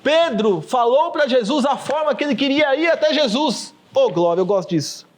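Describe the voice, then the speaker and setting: A male pastor with a Brazilian Portuguese accent preaches a fervent sermon to a camera on a livestream, calling his listeners "queridos," or dear ones, and acting out scripture. His voice is extremely high-pitched and expressive, at a normal speed.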